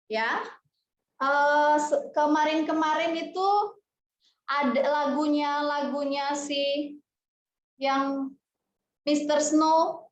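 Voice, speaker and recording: High-voiced woman teacher, slow and roomy. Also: flat delivery. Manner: chatty, explanatory, addresses students directly. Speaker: music teacher. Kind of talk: casual classroom explanation. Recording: echoey room, dull lo-fi sound.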